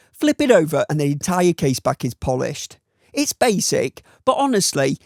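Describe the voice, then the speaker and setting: Northern English male reviewer, voice-over read with a touch of fry, deadpan wry delivery, dead-dry booth sound. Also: a little high, no room sound. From Northern England. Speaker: watch reviewer.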